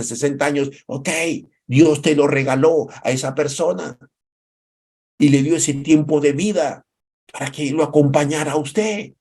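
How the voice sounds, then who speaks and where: A man delivering a devotional sermon in a husky, slightly breathy voice. His pitch sits in the middle range. He preaches with urgency, stacking questions and repeating words to press his point home. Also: a little mellow. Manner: impassioned, with rhetorical questions and emphatic repetition. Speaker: pastor.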